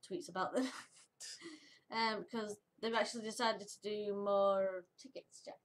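A woman's voice: medium pitch, steady tone, measured pace. A woman chatting casually to camera for her vlog, giggly and upbeat. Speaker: vlogger.

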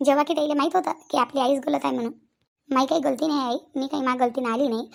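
A woman's voice: high voice, fairly even intonation, quick pace, vocal fry. A woman voicing a sulky, stubborn young wife. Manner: complaining, repeats herself. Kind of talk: cartoon voice acting.

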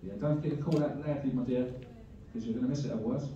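A man working as a bingo caller, announcing in measured, formulaic phrases in the style of a live game. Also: medium pitch. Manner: measured, formulaic, repeating each number. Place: large echoey bingo hall, heard over speakers from a player's table. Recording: echoey hall PA, distant, muffled, faint noise. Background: faint room noise.

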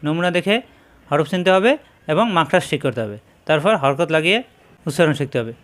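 High-pitched male teacher, slow and patient, repeats sounds and corrects them. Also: lively intonation, fairly bright tone. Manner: repeats syllables slowly, corrects pronunciation. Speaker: Quran reading teacher. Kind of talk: slow drilled lesson.

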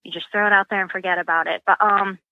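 A woman's voice: mid-range voice, fairly even intonation, fast talker, no echo, phone-quality sound. A woman guest explaining catfish rigs and bait in a casual, practical way, full of ums and you-knows. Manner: chatty, practical, many fillers like um and you know. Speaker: guest, sponsored catfish angler.

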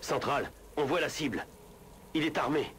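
A man's voice: fairly high pitch, moderate pace, background noise. An actor playing a male soldier in a video game, reporting in clipped military radio talk over a helmet radio. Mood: terse.

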